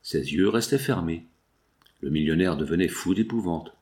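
A man narrating a classic novel as an audiobook, with dramatic, expressive delivery. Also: deep voice, moderate pace.

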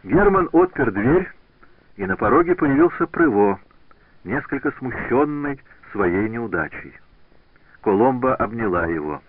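A man reading a novel aloud as scripted narration, in a measured, even manner, in a tinny, dry radio recording. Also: medium pitch, dry recording. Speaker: audiobook reader.

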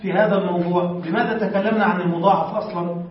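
A man's voice: high voice, steady tone, racing. A man teaching Arabic morphology to a class, reading from a text and putting questions to the students, then answering them himself. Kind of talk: classroom lesson explaining a text. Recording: distant, muffled, very echoey room recording.

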